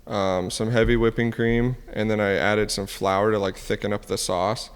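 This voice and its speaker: Dude chatting on a podcast, laughs a lot, echoey room. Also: male voice, lowish voice, moderate pace, smooth. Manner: laughs often, relaxed and joking. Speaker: podcast co-host. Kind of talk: casual chat.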